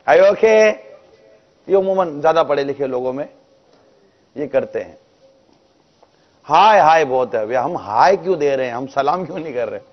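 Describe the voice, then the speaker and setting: Higher-voiced man preaching in a mosque. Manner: asks the congregation rhetorical questions. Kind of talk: religious talk in a mosque. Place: mosque hall. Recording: dull, lo-fi recording.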